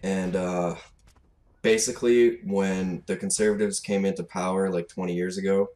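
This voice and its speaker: This teenage gaming commentator, seventeen and from Alberta, speaks with a Canadian accent in a low, mellow voice at normal speed with fairly even intonation. His unscripted rant is blunt, sweary and fed-up, captured in a clearly noisy home recording.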